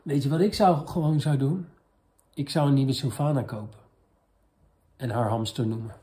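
A man's voice: medium pitch, fairly even intonation, moderate pace, mellow. A man hosting a comedic question-and-answer talk, casual and rambling with many fillers, in a mock-spiritual tone. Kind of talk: casual deadpan parody monologue.

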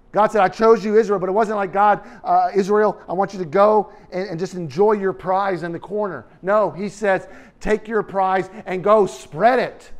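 A middle-aged male pastor delivers a sermon in a church hall, speaking into a headset mic. His voice sits a bit high for a man, and he is animated, jumping from loud, emphatic lines to soft, hushed asides.

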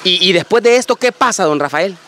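A man, presenting a children's show outdoors in an animated, enthusiastic way and interviewing. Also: high-pitched, fairly quick, a little hiss or hum. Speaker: host of a children's educational show. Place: outdoors on a rural hacienda.

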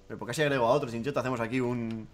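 A man's voice: medium pitch, steady tone, very fast, crowd noise. A man from Spain hosting a casual comedic chat, rambling and joking with bursts of laughter. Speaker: podcast host.

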